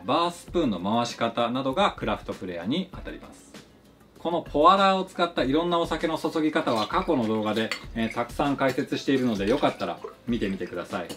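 Over faint background music, a flair bartender explains his craft in polite, scripted educational narration. His delivery is quick, explanatory, and full of lively pitch swings.

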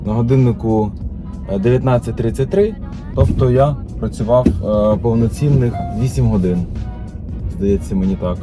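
A man's voice: medium pitch, moderate pace. A man talks casually from behind the wheel of his car, rambling through his thoughts with plenty of hesitations and restarts. He is recorded on a phone mounted inside the car, with music playing under his voice. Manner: rambling, thinking aloud with many filler sounds and restarts. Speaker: taxi driver vlogger. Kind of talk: casual chat while driving. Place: inside a car while driving. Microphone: phone camera mounted in the car. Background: background music and car noise.

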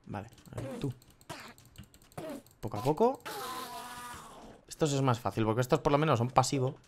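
A man with a Spain Spanish accent commentates his game casually, swearing freely and yelping when things go wrong. His voice sits in an ordinary middle pitch. Faint keyboard clicks and low noise sit behind him. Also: big pitch swings, moderate pace. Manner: swears often, cries out in sudden yelps. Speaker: gaming youtuber.

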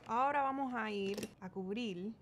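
At a measured pace and with a voice on the high side, a Miami beauty vlogger in her twenties chats through a makeup tutorial, her Cuban-American-accented Spanish mixed with English. She's recording in a small bedroom, and a little hiss or hum comes through.

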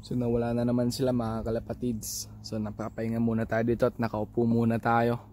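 Relaxed Filipino man chatting outdoors. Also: medium pitch, brisk, noisy background. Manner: relaxed, rambling, many restarts and fillers. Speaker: pigeon loft vlogger. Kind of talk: casual vlog talk. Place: outdoors by a pigeon loft.

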